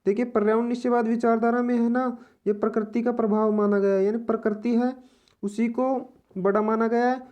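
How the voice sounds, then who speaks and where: A woman teaching an exam-prep lesson, explaining slowly and repeating each point in other words. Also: fairly high pitch, flat delivery, mellow, highs cut off.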